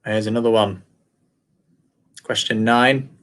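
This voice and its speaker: A man's voice: on the low side, fairly even intonation, slow, fairly bright tone. Man hosting an online quiz night. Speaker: quiz host.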